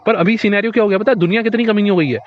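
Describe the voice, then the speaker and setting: In a casual, direct motivational monologue, a man talks to the listener like a friend, racing along and circling back over his points. His voice sits a little high, and the recording sounds dull and lo-fi.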